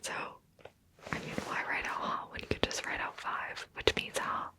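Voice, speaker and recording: A woman hosting an ASMR video in a close whisper, right in your ear on a binaural mic, lingering over and repeating words. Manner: slow, lingering repetition of words. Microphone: close binaural microphone.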